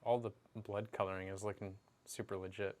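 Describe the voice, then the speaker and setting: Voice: low voice, flat delivery, fast, background noise. A movie reaction co-host chatting casually, exclaiming and laughing as the film plays. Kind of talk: casual chat.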